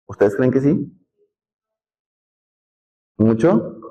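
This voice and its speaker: A man with a northern Mexican accent teaching a class in a classroom. He talks in a relaxed, conversational way, explains step by step and often checks in with the students. His voice sits at an ordinary middle pitch. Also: drawn-out words, poor audio. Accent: northern Mexican, Nuevo León. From Nuevo León, Mexico. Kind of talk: classroom lecture.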